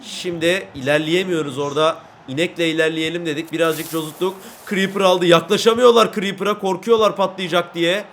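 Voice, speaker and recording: A young Turkish man giving jokey, excited commentary over his own football video game, getting loud at the big moments. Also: brisk, few pauses, slight background noise. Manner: shouts and rises in pitch at goals, jokey running commentary. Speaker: gaming YouTuber.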